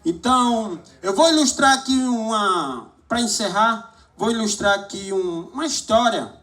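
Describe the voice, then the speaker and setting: A man's voice: sits high, lively intonation, normal speed, bright, forceful tone. A man preaching a sermon, exhorting the congregation and calling for amens. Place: church service hall.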